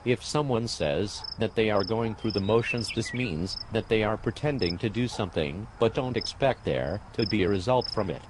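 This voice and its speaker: A man reading an English vocabulary lesson in a measured, deliberate way. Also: fairly low pitch, noisy background. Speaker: English teacher.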